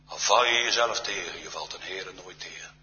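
A man's voice: low-pitched, moderate pace, bright, forceful tone. A man preaching a solemn church sermon, often sinking to a near-whisper. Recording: reverberant church hall, dull sound.

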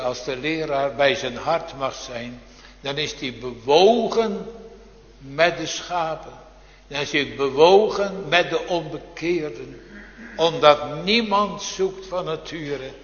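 A man preaching a Reformed church sermon, slow and solemn, with fervent rising appeals to God. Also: fairly high pitch, fairly bright tone. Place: church hall. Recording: dull, roomy church recording with long reverb.

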